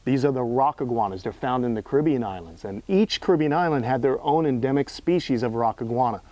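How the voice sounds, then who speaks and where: A man's voice: mid-range voice, fast talker, a little mellow, dry recording, dull audio. A man presenting an educational animal tour outdoors in a casual, emphatic, admiring way, as an enthusiastic host and keeper. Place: outdoors among animal enclosures.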